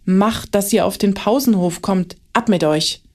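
A woman voicing an agitated male schoolteacher who scolds children in sharp questions. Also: mid-range voice, unhurried. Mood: angry.

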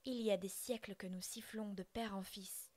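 A woman's voice: mid-range voice, moderate pace, dry recording, close to an everyday voice. A woman voicing an outraged, proud old male blackbird father in a whispered role-play, scolding with indignation.

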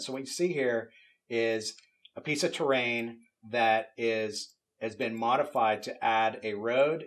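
A middle-aged man casually walking through a software tool demo in an office, explaining as he goes with frequent fillers. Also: mid-range voice. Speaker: game studio technical artist demonstrating tools. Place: office at a desk with monitors.

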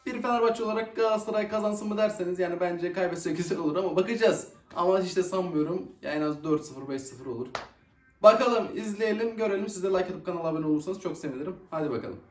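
A young man hosting a casual football reaction video, excitable and quick to swear and groan at the play. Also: high-pitched, recorded from a distance. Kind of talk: casual live match reaction. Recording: echoey room, voice a bit off-mic.

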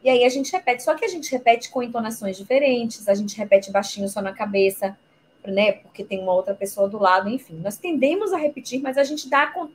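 Woman explaining, slightly high voice. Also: slight background noise, poor audio. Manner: didactic, explains with examples and rhetorical questions. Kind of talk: explanatory talk in a live interview.

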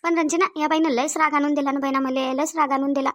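A woman voicing a shrill, angry middle-aged mother in a cartoon, with a Varhadi Marathi accent, taunting and scolding. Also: steady tone, quick pace, lightly acted. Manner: taunting, shouting, mocking quotes.

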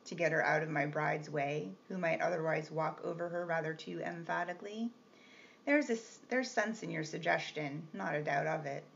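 A woman reading the part of a brusque, teasing gentleman employer with a gruff, commanding manner. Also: fairly high pitch, moderate pace. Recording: slightly muffled with faint hiss.

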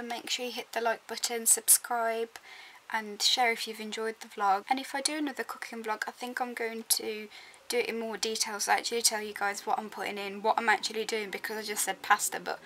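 A young woman chats to the camera while she cooks in her home kitchen. Her voice sits a little high, with a gravelly fry running through it. She is chatty and quick to apologise. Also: fairly bright tone, slight background noise, low-quality recording. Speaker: vlogger. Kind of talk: casual vlog chat.

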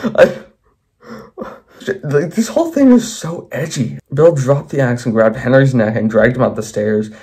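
A man's voice: medium pitch, lively intonation, a little slow, a little mellow. A man reading his old fan fiction aloud with wry, self-mocking asides. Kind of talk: comedic reading with commentary.

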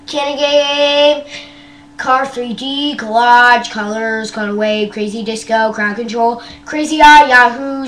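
Young woman from Canada, casual vlogger, high voice, unhurried, filler-heavy, echoey room. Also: a bit bright. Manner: hesitant, many ums and wells. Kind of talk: casual screen-tour vlog. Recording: roomy echo with faint hum.

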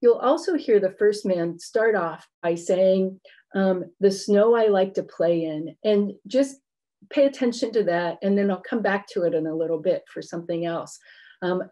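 A middle-aged woman lectures in an explanatory way, with informal asides. Her voice sits a little low and has a soft, mellow tone. It sounds like a video-call class from a room at home. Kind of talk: academic lecture with slides. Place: indoor book-lined room at home.

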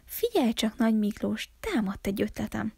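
A woman doing a small, timid village boy in a storybook reading, soft and a touch high, with a gravelly grain in a dry, close sound. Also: sing-song, dry recording, exaggerated voice. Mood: eager. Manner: soft, hesitant, then eager.

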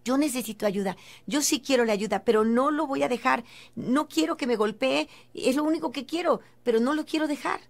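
A woman's voice: sits high, brisk, voice pushed up. A woman voicing a frightened young pregnant wife who pleads anxiously and repeats herself. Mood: pleading.

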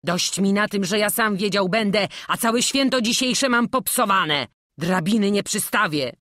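A woman's voice: mid-range voice, measured pace, fairly bright tone, no room sound, studio quality, pitched above the performer's own voice, natural voice. A woman voicing an anxious older male master woodcarver in an audiobook, fretful and scolding. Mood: grumbling. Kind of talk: audiobook character reading.

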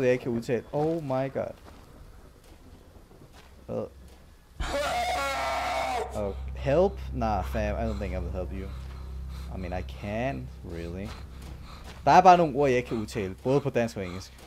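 A young man with a Danish accent, talking through a horror game in a casual, easily startled way. His voice sits at an ordinary middle pitch, and English slang slips into his talk. A faint hiss runs under the recording. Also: darkish tone. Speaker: gaming YouTuber. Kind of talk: horror game let's play commentary.

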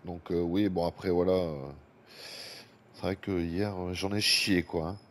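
A gaming YouTuber with a French accent and a head cold chats casually through a video game and reads viewer comments. His deep voice is steady and unhurried, congested, with heavy breaths at times. A desk microphone picks up a nearby fan's faint noise.

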